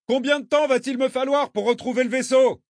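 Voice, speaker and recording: A man's voice: very high-pitched, brisk, no echo, studio quality, voice pushed up. A man reading an audiobook, voicing an irritated, anxious young man in a raised voice. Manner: tense, questioning.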